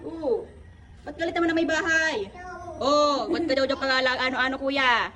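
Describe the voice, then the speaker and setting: A woman's voice: high voice, fairly even intonation, normal speed, heavy background noise. A woman filming a casual family vlog, talking to her toddler in coaxing baby talk, calling out and cooing.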